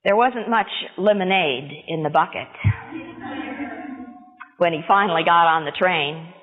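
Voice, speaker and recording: Older female storyteller, animated and engaging with kids, tinny phone-like audio with a long reverb. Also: lowish voice, a little slow, soft background music. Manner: animated, expressive, asks listeners questions. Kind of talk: children's storytelling.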